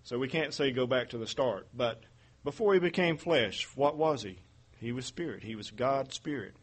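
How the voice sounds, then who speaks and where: A man giving a Bible teaching sermon in a measured way, reading verses aloud and asking rhetorical questions. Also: mid-range voice, animated, husky. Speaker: preacher.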